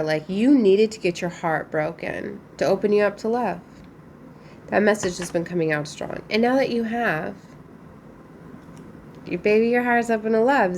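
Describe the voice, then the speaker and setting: Musing woman reading tarot, faint background noise. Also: mid-range voice. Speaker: tarot reader. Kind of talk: casual spiritual tarot reading, chatty.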